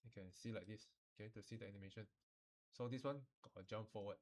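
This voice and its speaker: Speaking with a Malaysian or Singaporean accent, a man walks through a software tutorial step by step in a relaxed, colloquial way, ending sentences with particles. His pitch sits fairly low and he talks quickly.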